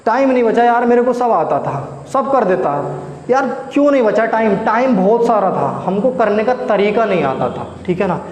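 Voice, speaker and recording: A man's voice: high voice, animated, moderate pace, darkish tone. A male math teacher giving a chatty, coaxing blackboard lesson, quizzing his students as he works. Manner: chatty, coaxing, asks the class questions. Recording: echoey room with faint noise.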